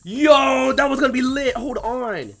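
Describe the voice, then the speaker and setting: A man doing let's play commentary, excitable and yelling at the game. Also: extremely high pitch, unhurried, creaky, music in the background. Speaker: gamer.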